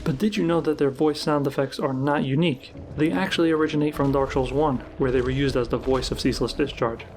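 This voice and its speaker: A man giving measured, explanatory scripted narration for a countdown-style video of game trivia. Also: mid-range voice, fairly even intonation, background noise. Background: background music.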